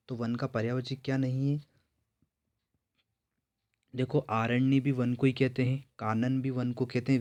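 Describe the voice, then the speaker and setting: In a mellow, medium-pitched voice, a male teacher runs an exam-prep lesson, asking each question aloud and then answering it himself in a repetitive, self-quizzing style.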